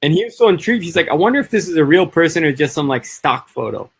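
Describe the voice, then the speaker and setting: A man who grew up in the northeastern United States, talking as a guest in a casual conversation. He speaks quickly and chattily, with plenty of "like" and "you know.". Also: fairly high pitch, big pitch swings, slightly rough.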